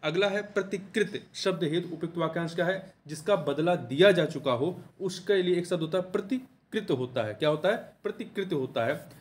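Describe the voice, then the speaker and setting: A man with a somewhat higher voice takes the listener through exam answers one by one. He spells the words out, says the correct form again and again, and puts short questions to the listener before answering them. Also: a little fast, hardly any pauses. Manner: explains word by word, repeats key words and correct spellings. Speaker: teacher. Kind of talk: exam answer walkthrough lesson.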